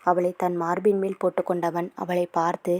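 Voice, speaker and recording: A woman's voice: on the low side, little pitch movement, moderate pace, a little mellow. A woman narrating a romance novel as a story, reading all the characters' lines in her own voice with small shifts.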